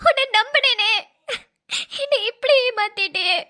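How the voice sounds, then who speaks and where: A woman's voice: very high voice, measured pace, sharp tone, full character voice. A woman voicing a hurt, tearful young woman in a cartoon, who speaks in a reproachful, sobbing way. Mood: bitter. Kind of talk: cartoon voice acting.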